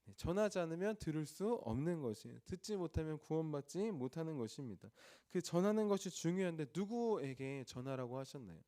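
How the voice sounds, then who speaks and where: A man's voice: a little high, animated, fairly quick, hardly any pauses, warm tone. A male pastor preaching an early morning sermon in a church, asking the congregation questions and then answering them himself.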